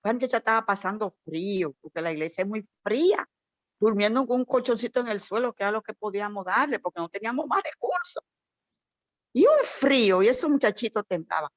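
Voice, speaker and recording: A woman sharing an emotional testimony at a church gathering, animated and storytelling, acting out quoted voices. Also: mid-range voice, a little fast, dry recording, muffled recording. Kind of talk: heartfelt testimony in a prayer meeting.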